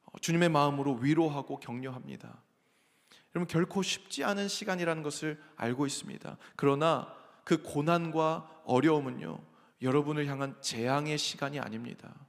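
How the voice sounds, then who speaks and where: Male pastor in his thirties, mid-high gravelly voice, earnest storytelling sermon in a reverberant church hall. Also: moderate pace. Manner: earnest storytelling, acts out quoted lines. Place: large church sanctuary. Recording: echoey sanctuary with long reverb.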